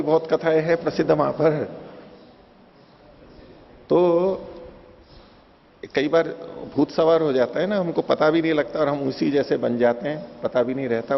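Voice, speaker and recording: A man's voice: a little high, creaky, slight background noise. A man giving a Hindi lecture on Vedic philosophy, explaining with everyday examples and the occasional chuckle. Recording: dull lo-fi recording in a reverberant hall.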